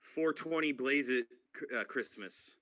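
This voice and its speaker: A man's voice: mid-range voice, a little slow, fairly bright tone. A man co-hosting a casual podcast, heckling and joking with childish comebacks. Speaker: podcast co-host.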